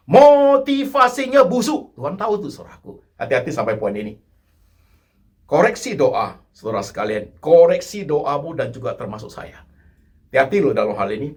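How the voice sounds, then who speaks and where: Brief: male pastor mid-sermon, high voice that swings widely, emphatic and repetitive, sudden hushed asides. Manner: emphatic preaching with sudden drops to near-whispered asides; repeats key phrases for emphasis.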